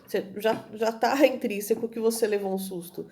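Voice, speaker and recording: A woman's voice: a little high, fairly even intonation, normal speed, darkish tone. A woman teacher giving a recorded video lesson, explaining at an easy pace and often checking in with her students. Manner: many fillers and restarts, checks in with "tudo bem?".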